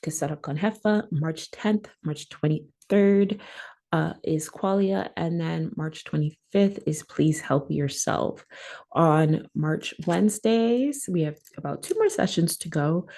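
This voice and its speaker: A young woman with a low voice and a gravelly edge leads a casual songwriting workshop. Her tone is dark and mellow, and she talks through her slides in an easygoing way, with lots of "um"s. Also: slow pace. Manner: relaxed, chatty, frequent fillers. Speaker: rapper hosting a songwriting workshop.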